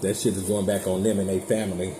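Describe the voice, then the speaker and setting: Casual male tarot reader, lowish voice, blunt and chatty, echoey room with noise behind. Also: little pitch movement, fast talker. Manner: chatty, blunt and profane, talks straight to viewers. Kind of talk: casual tarot reading to viewers.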